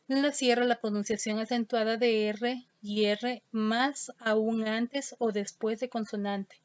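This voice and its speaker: A woman's voice: a little high, no room sound. A woman teacher, explaining an online lesson step by step and reading out questions and answers. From Ecuador. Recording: dull lo-fi dry audio.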